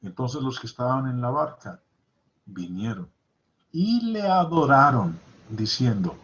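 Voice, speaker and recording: A man's voice: medium pitch, sing-song, unhurried, a bit bright. A man teaching a Bible study lesson, reading scripture aloud and stressing key points by repeating them. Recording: dull lo-fi recording.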